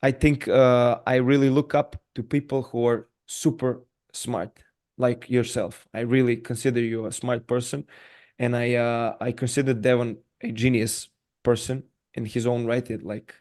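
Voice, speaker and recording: A man hosting a casual podcast interview, halting and full of fillers and repeated words. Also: mid-range voice, level tone, darkish tone.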